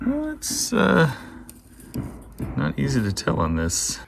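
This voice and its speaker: Vlogging casually on a farm with his phone held at arm's length, a man in his thirties cracks dry jokes at his own expense. His medium-pitched voice swings hugely in pitch, moves slowly and carries vocal fry, with background noise audible.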